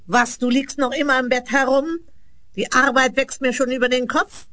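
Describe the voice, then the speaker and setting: A woman's voice: high voice, flat delivery, moderate pace, sharp tone, dry recording, studio quality. A woman playing a stern but fair old woman of the fairy tale in a children's radio play. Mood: scolding.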